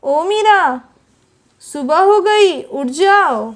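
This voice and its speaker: Woman playing a grumbling older mother-in-law for a doll story, high and unhurried. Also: warm tone, natural voice. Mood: calling. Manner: complaining, fussy. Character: stern older mother-in-law who scolds her daughter-in-law.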